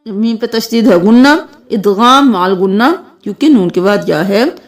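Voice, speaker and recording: A woman teaching Quran recitation, chanting verses melodically and explaining the rules. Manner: slow melodic recitation alternating with quick lower explanations. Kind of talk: tajweed lesson, slow recitation with explanations.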